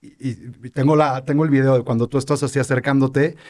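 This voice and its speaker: A man's voice: mid-range voice, steady tone, fast talker, a little mellow, dry recording, clean studio sound. A man interviewing a guest casually, recalling an event back to him with eager agreement. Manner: chatty, eager backchannel, recounts events to the guest.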